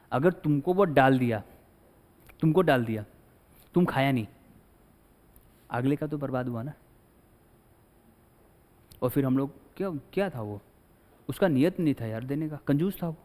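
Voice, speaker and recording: A male teacher with a medium-pitched, slightly mellow voice gives a chatty classroom lecture, mixing Hindi with English and acting out little scenes as he explains. Long hall reverb surrounds the recording.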